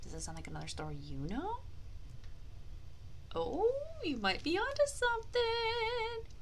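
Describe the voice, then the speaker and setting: A children's teacher leads a read-aloud language activity in a very high, sing-song voice, taking her time. She exaggerates playfully and encourages the young learners, asking them questions and lingering on key words.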